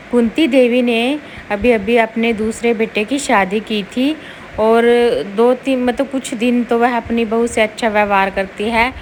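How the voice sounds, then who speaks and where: A woman's voice: medium pitch, slight background noise, poor audio. A woman host telling a family drama story in a casual, chatty way. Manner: chatty, plain, with restarts.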